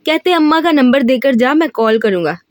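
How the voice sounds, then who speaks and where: A woman's voice: high-pitched, animated, no echo, clean studio sound. A woman voicing a mischievous 25-year-old male university student in an audiobook reading of a novel, boastful and joking. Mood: scheming. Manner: boastful, joking, rapid storytelling.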